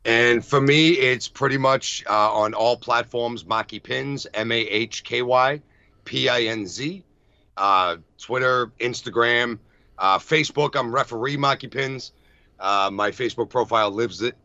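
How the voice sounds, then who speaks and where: A man's voice: mid-range voice, a little slow, sharp tone, no room sound, highs cut off. A man from Massachusetts with a Boston accent, chatting casually as a podcast guest. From Massachusetts, USA. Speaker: podcast guest, wrestling referee. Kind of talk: casual chat.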